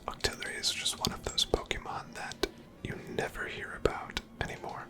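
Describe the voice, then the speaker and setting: An ASMR game streamer whispers breathy, unvoiced commentary over gameplay, musing aloud without hurrying.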